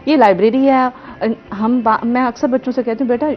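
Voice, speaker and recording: A guest librarian with a Pakistani Urdu accent earnestly explains her points on a talk show, her fairly high voice steady in tone and fairly quick. The broadcast audio is slightly dull, with faint music underneath.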